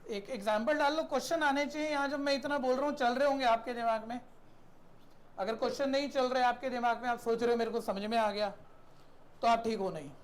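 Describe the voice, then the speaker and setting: A man's voice: very high-pitched, steady tone, quick pace. A man teaching a math class in a conversational lecture style, often checking in with his students and asking them questions.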